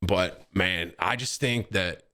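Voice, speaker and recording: A young man from Syracuse, New York, hosting a stream in casual, animated chat: he reacts to clips and reads donations, says bro and man a lot, and swears. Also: low-pitched, slow pace. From Syracuse, New York, USA. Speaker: streamer and host.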